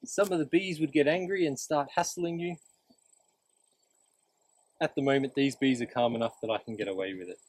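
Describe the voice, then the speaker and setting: A man's voice: medium pitch, moderate pace, pauses often, darkish tone, no echo. A man instructing in a practical, plain-spoken way, explaining a hands-on demonstration step by step while outdoors. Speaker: beekeeping instructor. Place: outdoors beside beehives.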